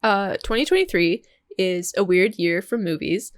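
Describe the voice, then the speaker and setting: A woman co-hosting a casual movie podcast, chatty and quick to giggle. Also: mid-range voice, animated, no echo. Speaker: podcast co-host. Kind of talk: casual chat.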